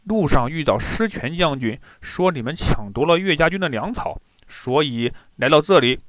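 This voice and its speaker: A man's voice: on the high side, animated, normal speed, fairly bright tone, no echo. A man voicing a brave young boy warrior who speaks confidently and gives commands. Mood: bold, confident.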